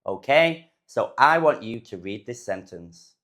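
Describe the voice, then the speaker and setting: Brief: British male pronunciation teacher, mid-pitched voice, unhurried listen-and-repeat delivery with crisp, deliberate words. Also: lively intonation, a bit bright. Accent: British English. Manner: slow, clear, deliberately enunciated words. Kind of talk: listen-and-repeat phonics lesson.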